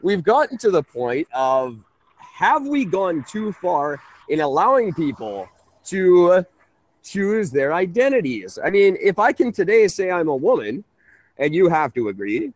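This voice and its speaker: Lively high-voiced talk show host man. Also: unhurried, no room sound. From Canada. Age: 30s. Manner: rambling, self-correcting. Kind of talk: casual call-in talk show.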